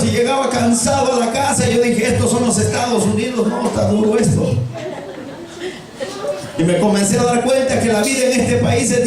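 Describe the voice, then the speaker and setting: A Salvadoran man preaching his testimony as a pastor, impassioned, at times shouting and laughing through his story. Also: very high voice. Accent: Salvadoran Spanish. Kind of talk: testimony sermon. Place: church sanctuary. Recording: very echoey church hall, distant mic.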